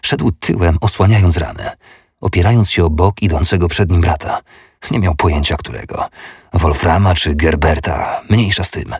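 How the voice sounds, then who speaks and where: A man narrating an audiobook in a steady, measured way. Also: low-pitched, husky, no echo, studio quality.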